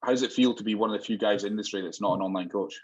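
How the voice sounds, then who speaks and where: A man's voice: lowish voice, racing, dull audio. A man with a Scottish accent hosting a podcast, talking casually with lots of "like" and the odd swear word. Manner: casual, swears, says "like" a lot. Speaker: podcast host. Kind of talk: casual chat.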